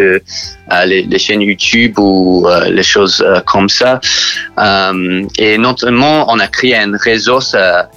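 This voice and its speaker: A man from New Zealand speaking French as a second language with a strong English accent, halting and often repeating words as he answers interview questions. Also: on the low side, bright, forceful tone, muffled recording. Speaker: interview guest from a church sports outreach group.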